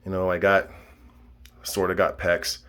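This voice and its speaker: A man's voice: low-pitched, completely flat delivery, unhurried, fairly bright tone, clear, resonant tone. A man in his thirties rambling casually to camera in a fitness vlog, repeating himself and checking in with "okay?" and "all right?". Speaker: fitness vlogger.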